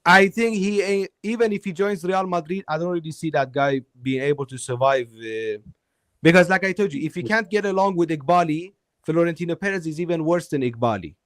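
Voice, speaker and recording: A man's voice: fairly high pitch, expressive, brisk, no echo. A man debating football casually and emphatically, often checking in with the listener. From Iran. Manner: emphatic, repeatedly checking with "okay?".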